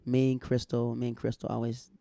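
An American man in casual chat, telling animated stories and acting out the people he quotes. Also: medium pitch, brisk, creaky, no room sound. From United States. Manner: animated storyteller who acts out quoted dialogue.

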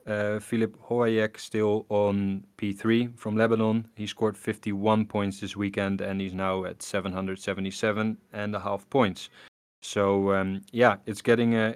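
A man with a low, smooth voice and a very even, flat delivery. He hosts a relaxed podcast chat, full of fillers and restarts. The recording is dry and close. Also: dry recording. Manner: hesitant, many fillers and restarts. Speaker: podcast host.

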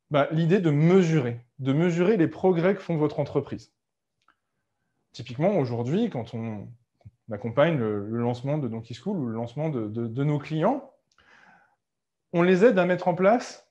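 A man giving a casual, conversational talk on starting a business, full of fillers and quick self-corrections. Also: on the high side, warm tone, muffled recording. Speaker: entrepreneurship coach. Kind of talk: casual explanatory talk to camera.

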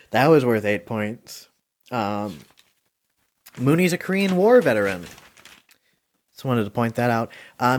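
A man hosting a casual podcast movie review, rambling and hesitant with lots of ums and likes, chuckling now and then. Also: medium pitch.

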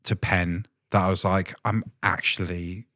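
A man with a very low voice hosts a relaxed podcast chat, rambling and restarting as he goes and swearing casually. The sound is dry and close, with no room around it. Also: unhurried, no echo. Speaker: podcast host, tattooer.

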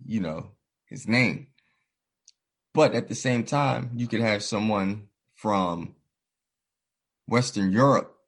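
A man hosting a podcast in casual conversation, earnest and reflective, telling personal stories and acting out what others said. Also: on the low side. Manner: earnest, reflective, storytelling with quoted voices. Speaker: podcast host.

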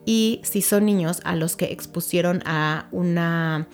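A woman's voice: lowish voice, measured pace, faint music behind. A woman speech therapist, patiently explaining with examples and checking that her listener follows. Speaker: child language therapist. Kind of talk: explanatory interview talk.

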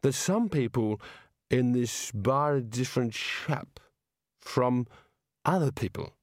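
A man's voice: mid-range voice, animated, slow, no echo, studio quality. A man voicing a cowardly, nervous male wizard who speaks hesitantly and stammers.

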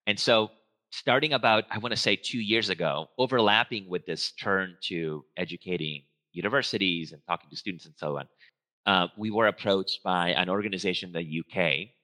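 A low-pitched man gives a casual talk on stage. His voice is bright and forceful, and he wanders through his points with lots of "um"s, restarts and quick self-corrections. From Venezuela. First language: Spanish. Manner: rambling, full of fillers and restarts. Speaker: guest speaker, research trainer.

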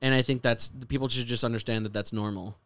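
A young adult man chatting casually as a podcast co-host, a talkative, animated storyteller who swears freely. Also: mid-range voice, quick pace, clean tone, no echo. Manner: animated storyteller, profane, talkative, acts out quotes.

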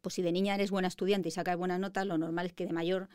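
Female guest, 50s, Madrid Spanish accent, self-assured storyteller, smooth and dry. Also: fairly low pitch, level tone, quick pace, darkish tone, no room sound. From Spain. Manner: confident, articulate storytelling. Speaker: guest, lawyer. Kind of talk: interview conversation.

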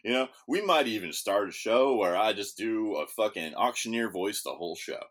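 Low-voiced dude hosting a podcast, rambling, swearing, restarting sentences into a studio mic. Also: male voice, animated, moderate pace, fairly bright tone. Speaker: podcast host. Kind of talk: casual podcast chat. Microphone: studio microphone.

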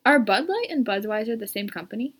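A young woman co-hosting a relaxed podcast chat. She is playful and curious, firing off one quick question after another. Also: on the high side. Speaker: podcast co-host. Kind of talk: casual chat.

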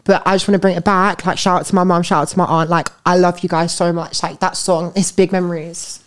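A woman's voice: on the low side, level tone. A young woman co-hosting a podcast in casual chat, peppering her talk with "like". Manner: chatty, fills every pause with "like". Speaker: podcast co-host.

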